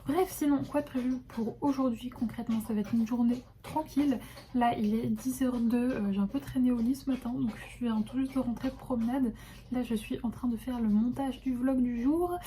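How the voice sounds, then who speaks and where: A young woman chatting casually to her viewers from her desk at home, relaxed and full of hesitations. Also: fairly high pitch, moderate pace, slight background noise. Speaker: vlogger. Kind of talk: casual chat to camera. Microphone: phone camera.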